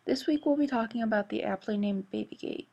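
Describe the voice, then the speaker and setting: A woman hosting a podcast with measured, explanatory commentary, her voice a little gravelly and husky from a sore throat. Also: fairly high pitch, a little mellow, lo-fi sound. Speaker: podcast host. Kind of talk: scripted-sounding TV fan commentary podcast.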